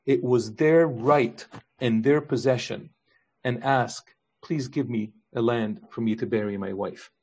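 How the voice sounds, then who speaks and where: Husky-voiced man preaching a sermon. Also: medium pitch, unhurried, a little mellow. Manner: earnest preaching with repeated rhetorical questions. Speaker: pastor.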